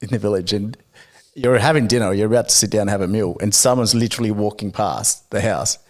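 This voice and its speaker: Animated storytelling man from Fiji. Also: lowish voice, quick pace. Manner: animated storyteller, acts out quotes. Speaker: podcast co-host. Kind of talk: casual chat.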